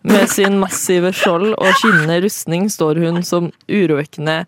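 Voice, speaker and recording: A woman's voice: on the low side, heavy background noise. A young woman co-hosting a radio show, chatting casually and hesitantly with many fillers. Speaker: radio co-host.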